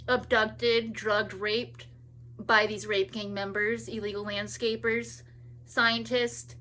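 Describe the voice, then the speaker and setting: Bright-voiced woman in her thirties rambling. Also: medium pitch, slight background noise. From California. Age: 30s. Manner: meandering, with many restarts and trailing thoughts. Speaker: vlogger. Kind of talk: rambling personal monologue.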